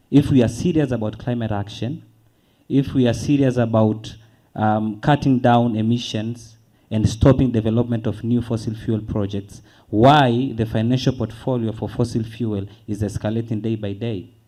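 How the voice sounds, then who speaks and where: A man from Tanzania, speaking earnestly on a conference panel, posing rhetorical questions and slowing to stress key words. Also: lowish voice, steady tone, dark tone, low-quality recording.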